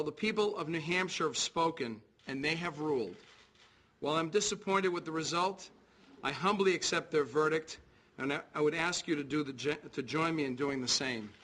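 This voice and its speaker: Delivering a prepared concession speech, an American man running for office speaks formally, earnestly, and with measured pacing. His voice sits a little high and has a sharp tone.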